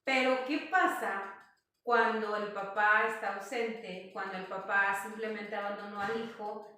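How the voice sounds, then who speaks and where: A woman's voice: medium pitch, steady tone, unhurried, pushed and bright. A woman interviewer asking questions in a conversational manner. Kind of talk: interview talk. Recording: echoey room from far off.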